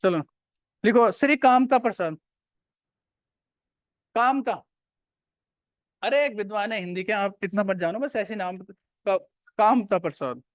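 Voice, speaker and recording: A man's voice: sits high, a little slow, pauses often, no room sound. Man lecturing a class, quizzing students. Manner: repeats key points and quizzes students. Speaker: teacher.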